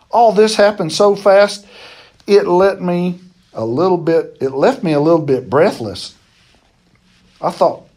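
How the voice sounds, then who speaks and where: A man reading a children's novel chapter aloud in a steady, plain storytelling manner. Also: on the high side.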